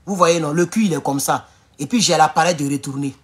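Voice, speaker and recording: Speaking directly into a phone with no external microphone, a man streams live from home in a loud, mocking, meandering way. He has an Ivorian French accent, and his voice is fairly high and a little fast.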